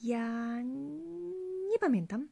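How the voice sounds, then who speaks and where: A woman's voice: medium pitch, a little fast, creaky, warm tone, slightly rough. A woman voicing a frightened young wife who stammers and pleads for her life, in a spoken fairy tale. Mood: stammering.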